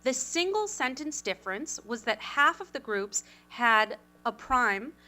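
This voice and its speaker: A woman giving a conference presentation as a communications consultant, talking quickly with lively, self-deprecating asides. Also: on the high side, soft background music. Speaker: communications consultant, panel speaker.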